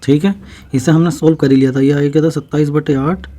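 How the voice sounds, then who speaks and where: Dark-voiced man teaching maths step by step. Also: on the high side, fairly even intonation. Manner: explains slowly, repeats steps, asks and answers own questions. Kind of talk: step-by-step exam-prep maths lesson.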